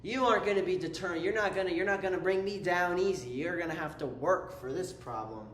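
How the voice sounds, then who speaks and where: A man's voice: high voice, fast talker, a bit bright. A man voicing a stubborn talking math series that grumbles defiantly during a lesson. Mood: exasperated. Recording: roomy echo, faint ambient noise.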